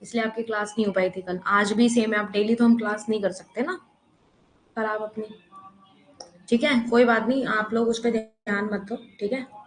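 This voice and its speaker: A woman's voice: medium pitch, fairly even intonation, moderate pace. A woman teaching a live online economics class, chatty and encouraging, often checking that students follow. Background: faint noise from a nearby wedding hall.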